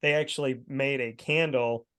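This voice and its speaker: A man's voice: medium pitch, fairly even intonation, normal speed, a bit bright, clean tone. A man in his thirties co-hosting a podcast, talking in an emphatic, preachy storytelling way. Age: 30s. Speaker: podcast co-host. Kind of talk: casual chat.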